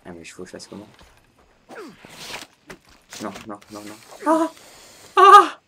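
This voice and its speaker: A man giving excitable gaming commentary, talking to his viewers and bursting into yelps and laughter. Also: lowish voice, normal speed, creaky, background noise. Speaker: gaming YouTuber.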